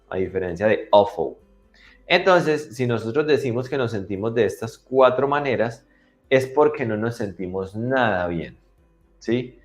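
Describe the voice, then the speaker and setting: Man teaching with a lively voice. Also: lowish voice. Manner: teacherly, asks for agreement after each point; drills pronunciation slowly and clearly. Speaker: English teacher. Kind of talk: bilingual online class for children.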